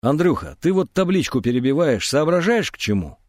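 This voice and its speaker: A hot-headed teenage boy from an audiobook, stubborn and heated, his raised voice snapping back at the grown-ups around him. A man acts him out, with his voice lifted above his usual pitch. The recording is dry and close. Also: sing-song, fairly quick, darkish tone, no room sound. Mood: reproachful. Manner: heated, defiant.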